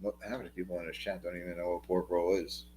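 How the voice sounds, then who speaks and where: A man's voice: sits low, completely flat delivery, quick pace, darkish tone, breathy edge. A man with a New Jersey accent co-hosting a casual livestream, joking dryly and reading out viewer comments. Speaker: co-host.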